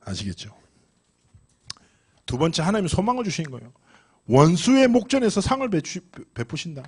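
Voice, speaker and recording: A middle-aged man from Korea preaching a lively youth sermon, moving from hushed asides to loud exhortation. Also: high voice, normal speed, slightly rough. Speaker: youth pastor.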